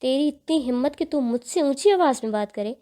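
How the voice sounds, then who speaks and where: A woman's voice: high-pitched, lively intonation, warm tone. A woman voicing a roaring, brutal young man. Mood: menacing. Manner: roaring, threatening.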